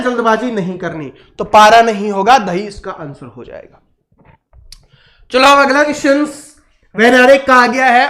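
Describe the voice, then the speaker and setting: A man's voice: extremely high pitch, fairly bright tone. A male teacher giving an exam-prep lesson, repeating key points and asking rhetorical questions.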